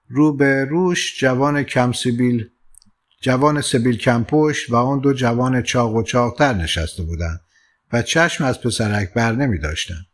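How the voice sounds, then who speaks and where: Calm male audiobook narrator. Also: medium pitch. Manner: calm, measured storytelling with lightly voiced quoted lines. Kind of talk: scripted narration.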